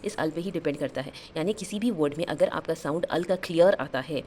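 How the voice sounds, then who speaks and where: A woman teaching an Arabic lesson, explaining in a mix of Hindi and English and repeating each term and example word slowly. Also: deep voice, a little mellow, slight background noise.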